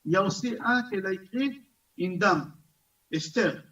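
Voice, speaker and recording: A rabbi with a high voice gives a lively class in a community center room, repeating points and putting questions to his listeners. He sits well back from the mic, and the recording sounds dull and lo-fi. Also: a little slow, recorded from a distance. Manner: animated, repetitive, asks the audience questions. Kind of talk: recorded Torah class lecture.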